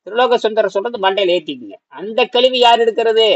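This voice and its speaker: A high-pitched man holds forth to a small group on natural healing, blunt and repetitive, firing questions at his listeners. The recording is dull and lo-fi. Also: expressive, fast talker. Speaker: naturopathy teacher. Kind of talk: informal group lesson.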